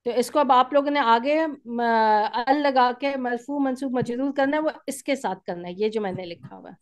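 A woman teaches a grammar class over a video call. She explains patiently, point by point, and keeps checking that her students are following. Her voice sits high. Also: moderate pace. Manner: patient, explains step by step with frequent "theek hai?".

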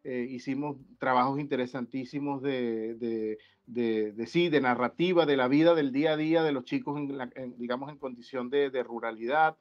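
A man from Venezuela, a guest researcher on an academic video-call panel, talking in a halting way with many restarts and fillers. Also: medium pitch. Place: indoor room. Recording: dull lo-fi video-call audio.

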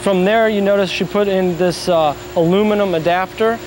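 A man in his thirties giving a steady, informative explanation of how products are made, during an on-site factory tour. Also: high voice, moderate pace. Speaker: factory guide explaining brush making. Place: factory floor with machines running. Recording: noisy factory floor.

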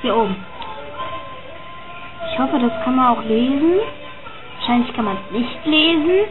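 A woman's voice: on the high side, animated, a little slow, over music. A woman chatting casually and hesitantly as she comments on her own drawings and reads their captions aloud. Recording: tinny phone-like sound.

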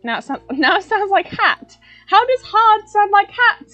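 A woman's voice: very high-pitched, big pitch swings, a little slow, bright, forceful tone. A British woman chatting casually on a drawing stream, playful and giggly, repeating words over and over. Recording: dull lo-fi stream audio with faint music.

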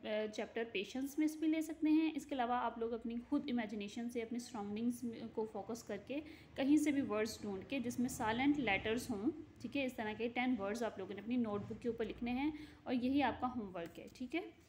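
A woman English teacher giving a recorded class lesson. She reads English sentences slowly, explains them quickly in Urdu-Hindi, and keeps checking with her students. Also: fairly high pitch, darkish tone, slight background noise. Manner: frequent "theek hai" checks with students.

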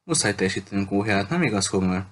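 A man voicing a formal, courteous gentleman in a story, over a faint hiss. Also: on the low side, expressive, close to an everyday voice.

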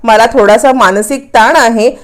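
A woman's voice: fairly high pitch, unhurried, close to an everyday voice. A woman voicing a self-assured young wife who speaks insistently, in a retold serial story. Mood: firm. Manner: insistent, reassuring.

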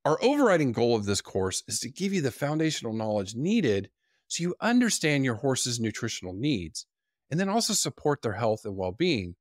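A man in his forties introducing an online course to camera in an upbeat, teaching manner, speaking into a boom-arm studio mic in a small indoor studio. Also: no echo. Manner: upbeat, lively teaching delivery. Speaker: course instructor.

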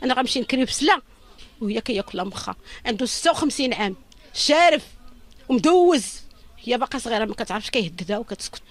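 A woman's voice: on the high side, expressive, quick pace. A middle-aged woman with a Moroccan Arabic accent gives an emotional interview as a victim's mother, talking in an urgent, lamenting and pleading way.

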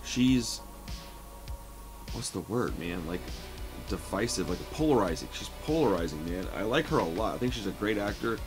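A man's voice: lowish voice, normal speed, over music. A man in his late thirties giving a casual, chatty horror movie review from his home, often calling the listener "man". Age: 30s. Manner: relaxed and chatty, says "man" a lot. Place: home room lined with shelves of records and films.

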